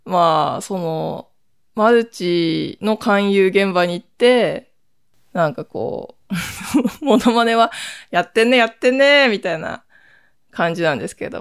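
A woman's voice: lowish voice, gravelly, smooth. A woman hosting her own podcast, talking alone in a casual, chatty way with lots of rambling asides. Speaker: podcast host. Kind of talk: casual solo podcast chat.

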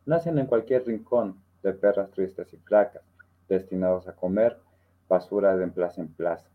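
A man's voice: low voice, moderate pace, narrow, tinny audio. A man, talking reflectively about a poem with many tag questions, then reciting it. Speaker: participant reading a poem. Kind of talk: casual literary discussion and poem recital.

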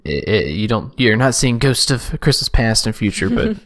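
A man co-hosting a podcast, chatting casually and rambling with many halting restarts. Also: medium pitch, sing-song, a bit bright. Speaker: podcast co-host. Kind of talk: casual chat.

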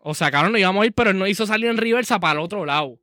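A man's voice: high-pitched, animated, racing, bright, forceful tone, no echo, clean studio sound. A young man with a Puerto Rican accent telling a story animatedly on a podcast, swearing constantly. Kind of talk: casual podcast chat.

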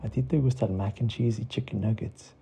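A man's voice: fairly low pitch, steady tone, normal speed, vocal fry, dark tone, husky, heavily acted. A man voicing a playful father who teases his son in a told bedtime story. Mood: teasing. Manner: mock-stern, teasing.

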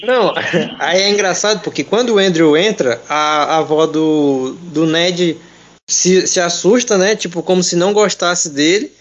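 A man in casual chat with friends, retelling a film as an animated, jokey storyteller full of slang. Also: sits high, measured pace, lo-fi sound, slight background noise.

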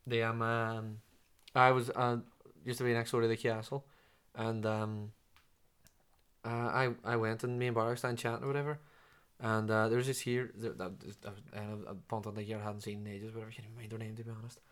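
Fast-talking Derry man telling stories. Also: lowish voice, little pitch movement, a bit bright, smooth. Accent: Derry, Northern Irish. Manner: swears often, rambling, restarts a lot. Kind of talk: casual chat, storytelling.

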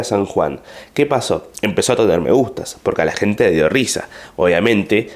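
Argentine male comic, lowish voice, chatty and rambling, casual story to camera. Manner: rambling, animated retelling with frequent fillers. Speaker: comedian.

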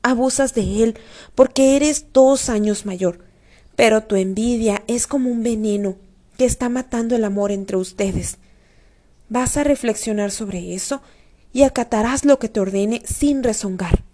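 A woman's voice: on the high side, a little slow, dark tone, close to an everyday voice. A woman reading the lines of a stern, angry father scolding his son, in her own voice.

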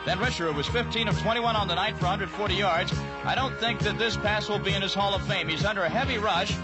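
Loud music runs under a high-voiced American man. He reads scripted football highlights as host, in a punchy announcer's delivery. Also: quick pace, rough recording. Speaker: sports show host and highlights narrator. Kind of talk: scripted sports highlight narration.

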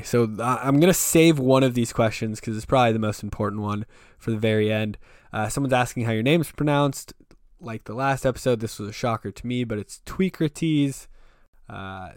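A man's voice: mid-range voice, fairly quick, no echo, studio quality. A young man hosting a casual podcast interview, joking and swearing freely and laughing often. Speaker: podcast host.

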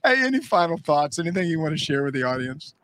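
A man's voice: on the high side, sing-song, fast talker, a bit bright. An older American man hosting a podcast as a retired Army sergeant major, talking casually and earnestly to viewers in a folksy, emphatic way. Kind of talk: casual podcast sign-off and heartfelt address to viewers.

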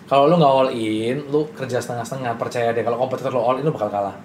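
A young man talks very fast as a guest in a casual interview. He tells his business story with bold, brash confidence. A roomy echo and faint noise surround his voice. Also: mid-range voice, steady tone, darkish tone.

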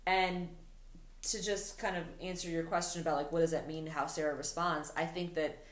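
A woman's voice: deep voice, little pitch movement, normal speed. A woman co-hosting a casual TV recap, talking in a rambling way with many fillers and restarts. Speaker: podcast co-host. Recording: roomy echo.

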